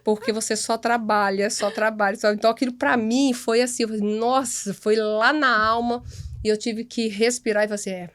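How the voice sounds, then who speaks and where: A woman speaking in a casual podcast chat, earnest and a little halting. Her voice sits on the high side, and she keeps checking that the listener follows her. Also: fairly even intonation. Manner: earnest, repeats and restarts often, adds "né?" and "entendeu?". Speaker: company director, podcast guest.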